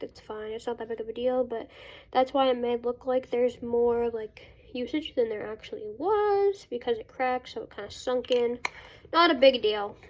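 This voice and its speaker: A woman vlogging casually as a beauty vlogger, congested with a cold and breathing through her mouth, talking in a halting, self-interrupting way. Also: high voice, a little mellow. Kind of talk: casual chat to camera.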